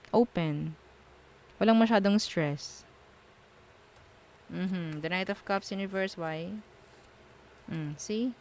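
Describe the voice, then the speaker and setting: Slow, low-voiced woman tarot reader. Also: a little mellow. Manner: frank, musing, thinks aloud between card readings. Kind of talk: casual tarot reading.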